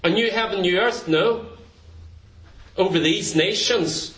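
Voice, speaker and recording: A male pastor delivers a fervent, emphatic sermon, hammering points home through repetition. His voice sits high, and the sound is roomy and echoing, picked up from well back in the church. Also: slow pace, a bit bright. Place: church sanctuary. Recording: echoey hall, distant mic.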